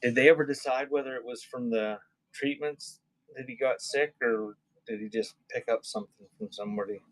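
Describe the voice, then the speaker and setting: Over a dry, rough recording, a male auction host talks fairly quickly in a mid-range voice with mostly even intonation. His casual livestream selling patter wanders between item announcements and chat with the audience.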